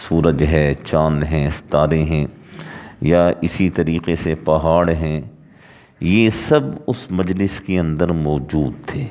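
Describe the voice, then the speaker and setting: A man with a Pakistani Urdu accent preaching a religious story, with measured delivery and slow scripture recitation. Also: extremely low pitch, steady tone, a little mellow. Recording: dull lo-fi recording.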